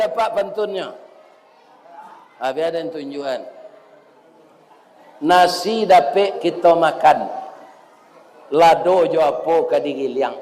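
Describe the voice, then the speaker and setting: A man's voice: fairly high pitch, darkish tone. A middle-aged man with a Minangkabau accent preaching a folksy village mosque sermon, calling his listeners "Pak", chanting verses and reciting rhymes. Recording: long echo of a mosque hall.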